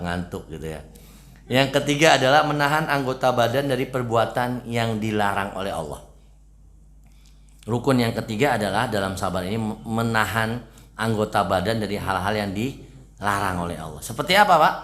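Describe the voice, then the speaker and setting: Male preacher, lowish voice, casual mosque study talk, keeps asking the room questions. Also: fairly bright tone.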